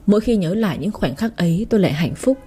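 A woman's voice: mid-range voice, expressive, quick pace, mellow, slightly rough. A woman narrating a first-person story in a chatty, wry tone.

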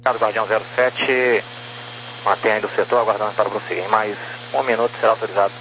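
A man's voice: lowish voice, steady tone, fast talker, fairly bright tone, rough recording. A man with a Brazilian accent giving clipped, procedural air traffic instructions over two-way radio, reading out numbers digit by digit. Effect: two-way radio transmission.

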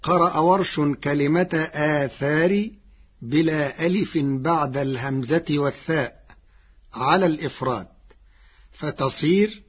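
A man explaining variant Quran readings in formal, measured speech, chanting each quoted verse slowly, from a dull lo-fi radio broadcast. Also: fairly high pitch, breathy edge. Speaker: Quran recitation teacher. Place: radio studio.

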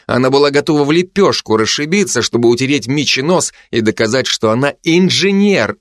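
Steady male audiobook narrator, dry. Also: mid-range voice, no echo. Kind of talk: first-person fantasy audiobook reading.

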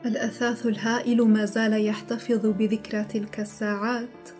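Woman, audiobook narration, steady reading, dark mellow tone, even pitch. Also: brisk, soft background music. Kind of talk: scripted narration.

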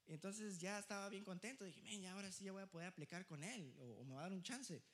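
A young man preaching, telling a personal story in a lively, joking way, often laughing and slipping into English phrases. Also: high-pitched, quick pace. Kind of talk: storytelling sermon.

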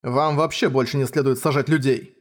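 A man voicing a calm, resolute man who speaks plainly and directly. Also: medium pitch, a little fast, lightly acted.

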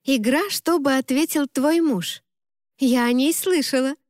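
A woman voicing a lively, bossy young woman who teases her friends in an audiobook. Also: high-pitched, measured pace, dry recording, clean studio sound, voice pushed up. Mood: playful. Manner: exclaiming, brash, mock-scolding.

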